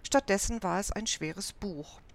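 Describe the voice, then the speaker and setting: A woman reading a children's story aloud in a calm, even manner. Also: medium pitch, measured pace. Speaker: narrator.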